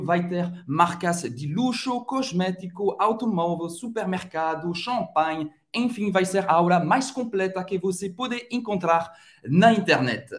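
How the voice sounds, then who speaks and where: A French man, a native French speaker with a French accent, hosting a podcast and teaching pronunciation, drawing out each model word slowly between quick explanations. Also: sits high. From France. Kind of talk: pronunciation lesson.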